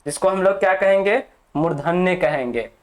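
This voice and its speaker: An animated, medium-pitched teacher leads a grammar lesson for exam students. Speaking slowly and deliberately, the teacher dictates material for notes, repeats the key terms, and checks in with the class often.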